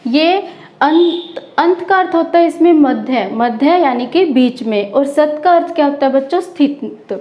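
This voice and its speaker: Woman teacher, high voice, quizzes the class and repeats answers, roomy dull recording. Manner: asks the class questions and answers them herself, repeating key terms. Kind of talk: Hindi grammar lesson for schoolchildren.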